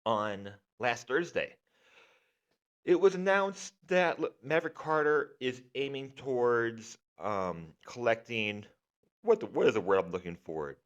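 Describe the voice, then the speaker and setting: Slow, lively-pitched man hosting a podcast. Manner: casual, sarcastic, with fillers and restarts. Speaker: podcast host. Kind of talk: solo sports podcast monologue.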